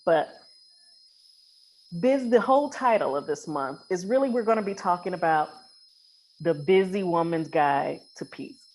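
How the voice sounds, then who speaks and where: Speaking a little slowly with long pauses, an American woman hosts a casual, unscripted podcast in an expressive, lowish, darkish-toned voice. She's playful, emphatic and colloquial, and the clearly noisy, ringing audio comes from a hotel with people passing in the background.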